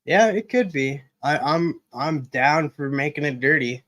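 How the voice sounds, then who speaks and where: A man's voice: fairly high pitch, animated, measured pace, fairly bright tone. A man hosting a casual hangout livestream, chatting with viewers and reading news items aloud. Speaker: livestream host.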